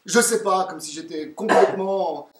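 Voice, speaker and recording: A man's voice: sits high, moderate pace, far from the mic, lightly acted. A man playing a gloomy, despairing man, blunt and irritable. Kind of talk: stage play acting. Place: theatre stage. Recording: echoey stage from afar.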